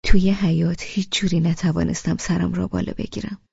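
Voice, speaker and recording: A woman narrating a first-person audiobook in a soft, often whispery voice. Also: fairly low pitch, little pitch movement, creaky, breathy edge, dry recording, lo-fi sound.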